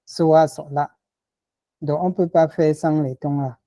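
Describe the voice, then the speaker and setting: A man's voice: on the high side, moderate pace, warm tone, no room sound. A man teaching a lesson, patiently explaining tones and repeating example words. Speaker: language teacher.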